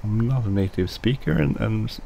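A man whose first language is Swedish, speaking English with a Swedish accent as he hosts casual gameplay commentary, mumbling and halting with many restarts. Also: lowish voice, vocal fry, warm tone, slight background noise, low-quality recording. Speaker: let's play host.

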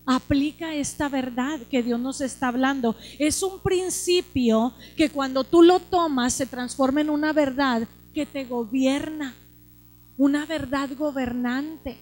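High-voiced woman preaching. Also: measured pace, darkish tone. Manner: urgent, repeats exhortations, acts out quoted voices. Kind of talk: sermon.

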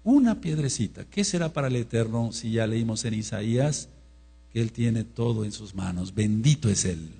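A man preaching a sermon, with a dark, husky voice. His delivery is emphatic and repetitive, dropping low and quiet, then rising loud to drive a point home. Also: animated, moderate pace. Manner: emphatic, repetitive, swings between hushed and loud.

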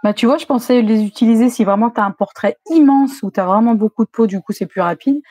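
Brief: female live-stream host, mellow tone, dry close recording, chatty, reads viewer chat aloud. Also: fairly high pitch, quick pace, dry recording.

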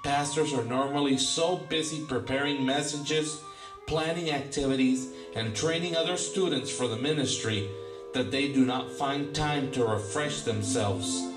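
A man narrating a documentary voice-over in a solemn, steady way. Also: mid-range voice, a little slow. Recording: roomy, distant, music over it.

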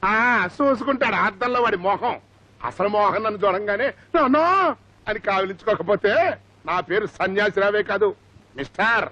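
A man's voice: sits high, normal speed. An actor playing a hot-headed middle-aged father in a comic film, blustering and indignant. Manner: blustering, indignant, loud outbursts. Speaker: father searching for his son. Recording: slightly muffled film audio with faint music.

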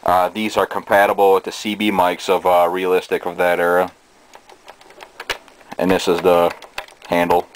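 Recorded on a handheld camera's built-in microphone, a low-voiced man shows off his collection casually, hesitating as he goes. He's a hobbyist presenting from a small, cluttered bedroom, and the amateur camera sound carries constant noise.

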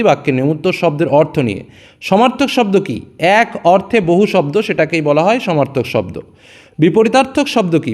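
Lively high-pitched male teacher drilling answers. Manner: reads each question then drops lower and softer for the answer. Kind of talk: exam question-and-answer revision.

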